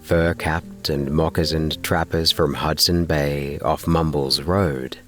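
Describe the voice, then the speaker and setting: Give the voice of a man with an extremely low pitch who reads a sleep story slowly and soothingly. His tone is crisp and bright despite the depth, and each phrase is gently measured. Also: steady tone, faint music behind. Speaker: host and narrator of a sleep story podcast. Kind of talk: slow bedtime relaxation narration and story reading.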